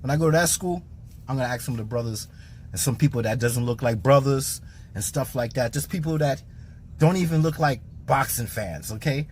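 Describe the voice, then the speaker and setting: A man's voice: mid-range voice, fairly quick, darkish tone, a little hiss or hum. A man filming casual street interviews on a handheld phone, talking in chatty street slang, out on city streets and in a car. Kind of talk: casual street vox pop.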